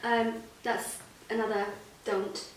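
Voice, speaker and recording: A woman hosting a casual lesson chat, laughing often and filling pauses with ums. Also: on the high side, level tone. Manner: giggly, many fillers. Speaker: host. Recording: roomy echo, distant mic, faint hiss.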